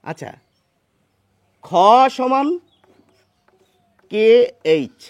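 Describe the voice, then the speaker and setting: Male teacher, high-pitched, patient and repetitive, dry close mic. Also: very animated, dry recording, lo-fi sound. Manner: patient, explanatory, repeats sounds slowly. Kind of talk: whiteboard pronunciation lesson.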